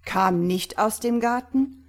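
A brisk male doctor fires off pointed questions, his patience wearing thin, as a woman puts him on. The voice is sharp and pushy and quick to anger. It sounds like a storybook skeptic losing his temper. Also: fairly low pitch, animated. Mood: impatient.

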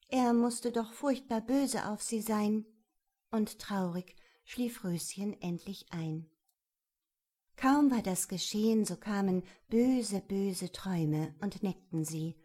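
A woman narrating a children's storybook in a measured, gentle storytelling manner. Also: mid-range voice. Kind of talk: storybook reading.

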